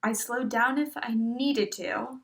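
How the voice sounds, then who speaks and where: A woman vlogger telling a personal story in a lively, breathless way, sometimes breaking into song. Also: a little high, slow, vocal fry. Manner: breathless excited bursts, sings along. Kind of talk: storytelling voice-over.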